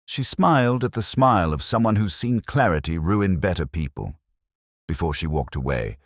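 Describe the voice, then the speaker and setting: A man performs a melancholy police inspector in an audio detective drama, with an extremely deep voice. He narrates in measured, formal, brooding sentences, his pitch rising and falling expressively in a dry, close recording. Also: no room sound, full character voice. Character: melancholy, cerebral English police inspector recounting a murder case. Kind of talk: literary first-person detective narration.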